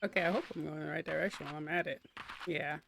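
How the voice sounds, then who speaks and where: A woman's voice: deep voice, steady tone, very fast, gravelly, noisy background. A woman streamer chatting casually and giggling while playing a game. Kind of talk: casual gameplay commentary.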